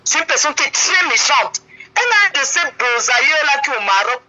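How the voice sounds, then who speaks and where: A woman's voice: high voice, big pitch swings, brisk, pushed and bright, rough recording. Scolding woman on a speakerphone held away. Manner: scolding, insistent, repeats herself. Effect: voice over a phone on speaker, held away from the mic. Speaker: caller on a live stream. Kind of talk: heated phone call.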